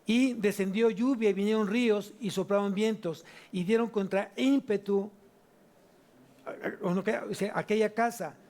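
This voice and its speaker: A male pastor with a Mexican Spanish accent delivers a sermon in a noticeably high voice. He keeps putting rhetorical questions to his listeners and slows right down to stretch out the words he wants to land. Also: fairly even intonation, a little mellow. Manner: asks the congregation many rhetorical questions, stretches key words slowly. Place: church service.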